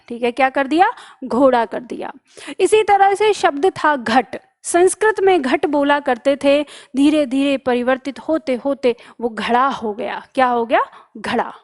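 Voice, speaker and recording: A woman teaching an online vocabulary lesson, repeating each word and answering her own questions, dropping low and soft on the answer word. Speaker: Hindi teacher.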